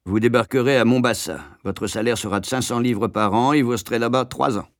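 A man's voice: mid-range voice, no room sound, clean studio sound, close to an everyday voice. Man doing a grave, kindly company director. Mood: businesslike. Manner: slow, measured and stern. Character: kind senior male company director, grave.

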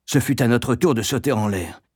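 A man's voice: mid-range voice, a little mellow, breathy edge, dry recording, studio quality. Grave male audiobook narrator. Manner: measured, grave storytelling.

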